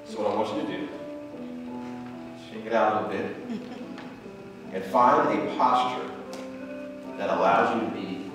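A man's voice: fairly low pitch, flat delivery, brisk. A man in his forties preaching a sermon to a church as its preacher. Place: church stage, indoors. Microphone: headset. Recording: very echoey hall, distant, loud music. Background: instrumental music.

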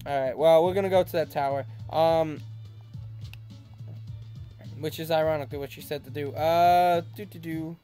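A man's voice: fairly high pitch, steady tone, moderate pace, long pauses, mellow. A man giving casual, playful gaming commentary, reading game dialogue aloud and teasing with some swearing. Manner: playful, teasing, foul-mouthed. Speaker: let's play host. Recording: light game music behind voice. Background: video game music.

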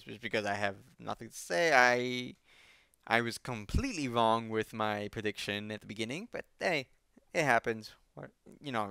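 Man with a Boston accent, reaction commentator: crisp, bright, awkward and rambling. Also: medium pitch, no room sound, studio quality. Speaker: video commentator.

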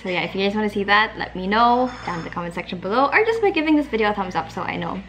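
A woman in her twenties with a Filipino accent chats playfully in a casual home cooking vlog, mixing Tagalog and English. Her medium-pitched, fairly bright voice is animated and racing. She moves through her home kitchen and living room indoors, with background music playing.

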